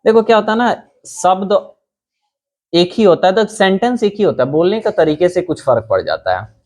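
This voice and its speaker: A man's voice: high-pitched, animated, normal speed, a little mellow. A young adult man from India teaching a computer class, explaining step by step and quizzing his students with rhetorical questions. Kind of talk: classroom lesson.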